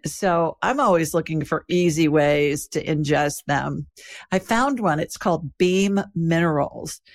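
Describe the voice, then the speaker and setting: A woman podcast host delivering a host-read ad in a plain, instructive way. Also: lowish voice. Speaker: podcast host reading sponsor spot.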